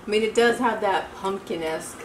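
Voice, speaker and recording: A woman's voice: mid-range voice, a little fast, background noise. A woman co-hosting a food channel, chatting casually and gushing about the food while talking with her mouth full. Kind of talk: casual chat while eating. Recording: roomy echo with music behind. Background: music.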